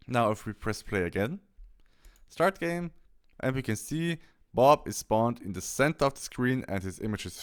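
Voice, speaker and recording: In a mid-range voice, a man walks through a software tutorial step by step. He demonstrates while thinking aloud with slight hesitation.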